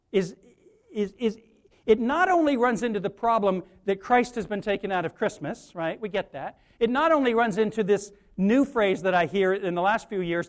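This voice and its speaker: A male pastor delivering a sermon, rising into emphatic preaching and putting questions to the congregation. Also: high-pitched.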